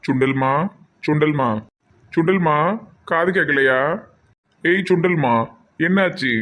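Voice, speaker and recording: A man's voice: fairly high pitch, takes it slowly, a bit bright. A man voicing a reformed auto-driver husband in a comic cartoon, with a Tirunelveli Tamil accent and a lecturing, advice-giving manner. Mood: calling. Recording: tinny phone-like sound.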